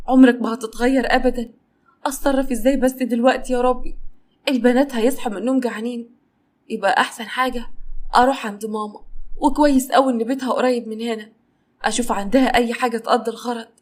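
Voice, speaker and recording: A woman with an Egyptian accent voicing a young wife and mother who is fed up and upset, pleading in a voice that climbs high. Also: fairly even intonation, quick pace, close to an everyday voice. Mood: worried.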